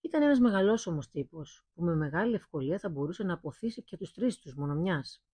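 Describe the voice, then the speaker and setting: A woman narrating a fairy tale, reading it aloud at a steady pace. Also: fairly low pitch, slightly rough, dry recording. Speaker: storyteller.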